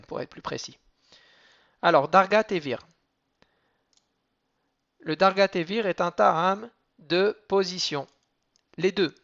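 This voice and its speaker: A man teaching a lesson on cantillation marks, explaining each rule step by step and chanting the Hebrew examples slowly. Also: on the high side, fairly bright tone, dull audio.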